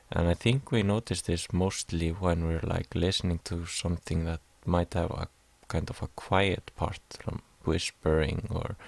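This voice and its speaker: Very low gravelly man. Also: no echo. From Iceland. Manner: hesitant, many fillers and restarts. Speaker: music production student. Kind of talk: explaining a class assignment over slides.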